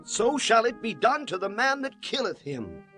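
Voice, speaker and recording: A man acts out a biblical elder in a high-pitched voice. He declaims each phrase slowly and deliberately in a scripture drama, over faint music. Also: big pitch swings, sharp tone, full character voice. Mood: earnest. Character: old father and townsmen, deliberate, declaiming.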